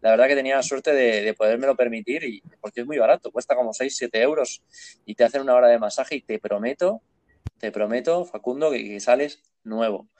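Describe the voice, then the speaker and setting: A man from hosting a casual chat, relaxed and anecdotal, often repeating himself. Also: mid-range voice, brisk, no echo.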